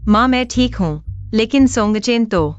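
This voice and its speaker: A woman voicing a gentle young daughter-in-law in a dubbed short drama, soft and worried. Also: on the high side, lively intonation, a little slow, lo-fi sound, faint music behind.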